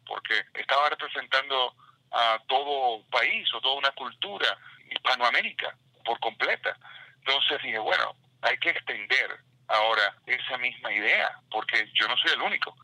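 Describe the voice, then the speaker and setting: A man's voice: medium pitch, pushed and bright, dry recording, rough recording. A man, a baseball analyst, speaking earnestly and with emphasis in a recorded interview segment. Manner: earnest, emphatic about pronunciation.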